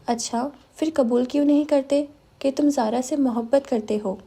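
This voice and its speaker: A playful young man who teases and prods his friend, as a woman narrator puts him on. The voice is high and mellow. He talks in a lively, joking way. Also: breathy edge, full character voice. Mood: teasing. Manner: teasing, playful.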